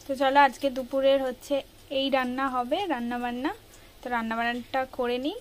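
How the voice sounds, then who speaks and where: A woman's voice: high voice, little pitch movement, brisk. A young woman, chatting straight to her viewers as she records a casual home vlog. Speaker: vlogger. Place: at home, indoors and outdoors. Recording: noisy home phone recording.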